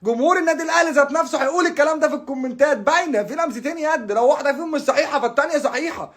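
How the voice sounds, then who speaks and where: A man's voice: very high voice, rapid-fire, a bit bright. An Egyptian man with an Egyptian Arabic accent, ranting about football as a fan in a casual, exasperated way, stammering and restarting, with bursts of laughter. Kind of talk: frustrated casual rant.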